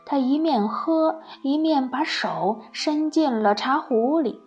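A woman narrating a children's story in an expressive, storytelling way. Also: high voice, takes it slowly, highs cut off, faint music behind.

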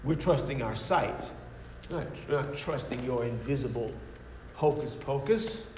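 A man's voice: medium pitch, unhurried, a little mellow, pitched below the performer's own voice, close to an everyday voice. A man voicing a scoffing male atheist who challenges a believer with mocking questions, in an echoey hall. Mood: dismissive. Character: scoffing skeptical male atheist arguing at the door. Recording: echoey hall with faint noise.

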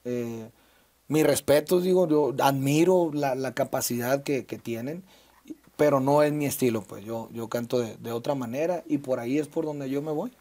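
A man's voice: mid-range voice, normal speed, mellow. A man in his thirties from Sinaloa, Mexico, speaking as an interview guest, reflective and full of fillers and restarts. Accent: Mexican Spanish, Sinaloa. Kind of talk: casual conversational interview.

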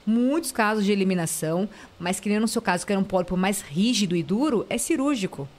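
A woman's voice: mid-range voice, animated, fast, darkish tone. Woman explaining vividly. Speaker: voice therapist guest. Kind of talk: casual podcast chat.

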